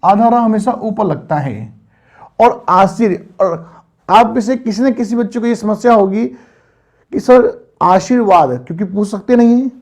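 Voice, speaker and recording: High-pitched male teacher, online grammar class, patient and repetitive quizzing. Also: a little mellow. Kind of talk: online Hindi grammar lesson.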